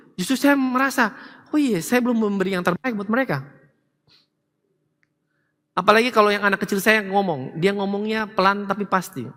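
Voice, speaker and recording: A middle-aged pastor with a high, bright-toned voice preaches a sermon in a large church hall, where long reverb makes his voice ring. He speaks animatedly and slips into quoted voices of his family members.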